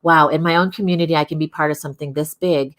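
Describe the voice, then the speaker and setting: Woman, middle-aged, from Hawaii, lowish voice, reflective, fillers and restarts, video call. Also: fairly even intonation, fast. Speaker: guest, audiologist. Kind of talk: casual interview conversation.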